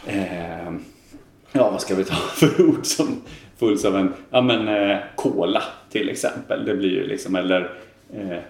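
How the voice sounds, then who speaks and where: Gravelly Swedish man with a Gothenburg lilt. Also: low-pitched, a little mellow, roomy sound. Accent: Gothenburg Swedish, softened. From Gothenburg, Sweden. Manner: chatty, explains at length with many fillers. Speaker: podcast co-host. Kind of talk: casual chat.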